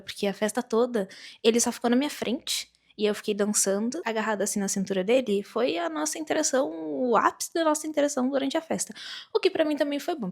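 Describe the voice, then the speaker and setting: A young woman from Brazil, chatting to camera in a giggly, expressive, storytelling way. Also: mid-range voice. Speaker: vlogger. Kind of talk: casual chat to camera. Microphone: camera mic at a distance.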